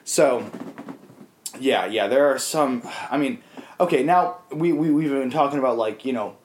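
A man's voice: mid-range voice, measured pace, a little hiss or hum. A young man in casual chat on a podcast, rambling with lots of fillers and swearing freely.

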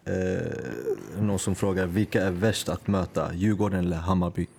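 Very deep, gravelly podcast host. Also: male voice, a little mellow, slight background noise. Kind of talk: reading listener questions.

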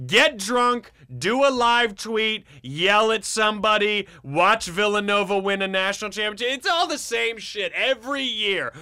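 This man's voice sits very high and sounds bright. He co-hosts a comedy podcast and argues in improvised bits, defensive and blustering, with plenty of swearing. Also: expressive, measured pace, few pauses, clear, resonant tone. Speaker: podcast co-host.

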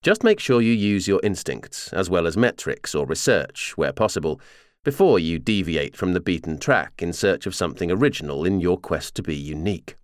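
A man reads an audiobook memoir in a low voice full of lively, varied intonation. His narration is polished and scripted, measured and clearly articulated, captured in a dry, close recording with no echo.

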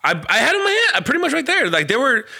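A man's voice: very high-pitched, huge pitch swings, rapid-fire, gravelly, bright, forceful tone. A young man co-hosting a casual podcast, telling a rambling story, swearing and searching for words. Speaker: podcast co-host. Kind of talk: casual chat.

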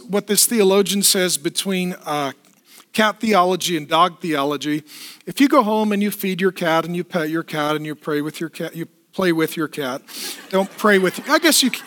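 A man with a fairly high voice preaches to his congregation in church. He keeps it lively, putting questions and quick asides to the people in front of him. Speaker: pastor. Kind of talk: sermon.

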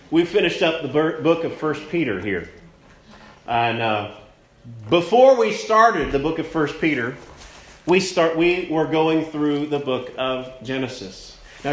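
A man preaching at a pulpit microphone, his fairly high voice unhurried and conversational as he leans on key words. The sound bounces around an echoey church sanctuary. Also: a bit bright. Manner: plainspoken, conversational preaching with slow emphatic stresses. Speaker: pastor. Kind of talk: sermon.

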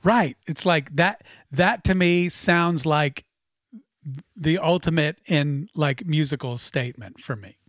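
A man's voice: a little high, slow, a bit bright, no room sound. Man telling stories in a dry voice. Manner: anecdotal, laid-back, says "like" often. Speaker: podcast co-host, bass player. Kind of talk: casual chat about their record.

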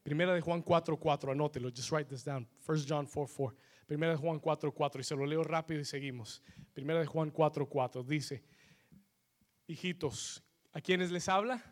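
A man preaching a sermon with call-and-response, switching between two languages and rising to shouts. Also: on the high side, steady tone. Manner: slow, emphatic phrasing. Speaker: pastor. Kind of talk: bilingual sermon.

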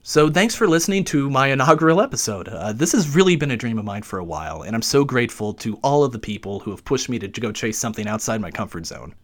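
Animated male podcast host recording inside a closet. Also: mid-range voice, quick pace, hardly any pauses. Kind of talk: scripted sports podcast narration.

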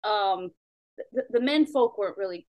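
A woman's voice: medium pitch, animated, moderate pace, darkish tone, poor audio. A middle-aged woman from Canada, a comedian guest telling anecdotes in a casual, wry way.

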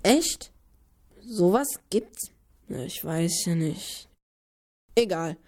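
A woman's voice: fairly low pitch, expressive, extremely slow, a little mellow. A woman telling a children's story as a playful back-and-forth, cutting in to twist the plot.

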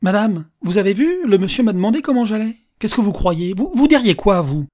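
A narrator voicing a jovial, eccentric old man who teases strangers loudly and theatrically in an audiobook. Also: medium pitch, very animated, brisk, voice pushed up. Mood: loud, teasing. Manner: loud, theatrical, teasing. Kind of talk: audiobook character voice.

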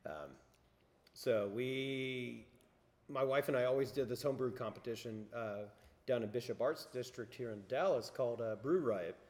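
A man speaks as a brewer guest in a casual, teasing, jokey manner. His pitch sits in the middle range. A long reverb hangs after his words. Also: moderate pace, a little mellow. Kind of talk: casual interview.

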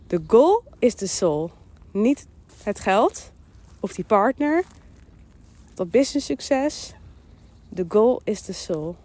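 A woman with a Dutch accent hosting a podcast, giving a calm, emphatic mindfulness talk that repeats phrases and voices the thoughts in her head. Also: mid-range voice, takes it slowly, pauses often. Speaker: podcast host. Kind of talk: mindfulness monologue.

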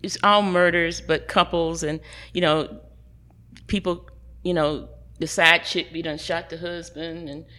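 A woman with a very low-pitched voice trades gossip as co-host. She tells stories in a loose, chatty way. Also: fairly even intonation, measured pace, bright, forceful tone. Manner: gossipy, storytelling. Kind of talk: casual chat.

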